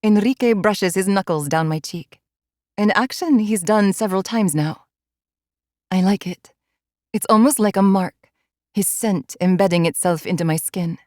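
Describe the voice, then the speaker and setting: A woman narrating a first-person audiobook in a measured, inward storytelling manner. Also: mid-range voice, a little mellow, dry recording, studio quality.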